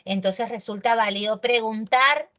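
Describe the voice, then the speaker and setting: A woman teaching a grammar lesson, talking in an animated, emphatic way and checking in with tag questions. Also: a little high, normal speed.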